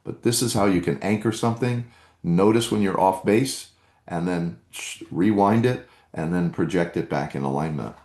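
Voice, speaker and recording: A man's voice: sits low, normal speed, a little mellow, echoey room. A man hosting a live meditation workshop, coaching earnestly and reading out chat comments.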